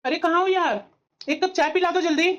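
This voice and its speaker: A woman's voice: extremely high pitch, fairly quick. A woman voicing an impatient young husband in a cartoon, who keeps asking questions. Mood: suspicious. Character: young husband, tired and suspicious of his wife. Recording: dull lo-fi audio with faint music.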